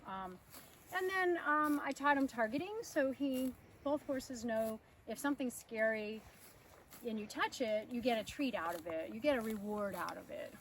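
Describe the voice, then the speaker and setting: High-voiced woman teaching horse training. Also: lively intonation, normal speed, far from the mic, a little hiss or hum, poor audio. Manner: chatty, addresses viewers directly. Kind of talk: outdoor training demonstration. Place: outdoors with horses.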